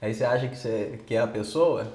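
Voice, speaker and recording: Co-host in an echoey room. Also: male voice, medium pitch, quick pace, darkish tone. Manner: chiming in, joking. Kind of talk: casual chat.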